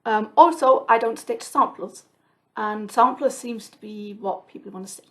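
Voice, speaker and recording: Alone at home, a Swiss woman, a native Swiss German speaker, chats casually to camera as a flosstube host. Her voice is slightly high and moves at normal speed. The rambling is chatty and reflective, full of ums and restarts.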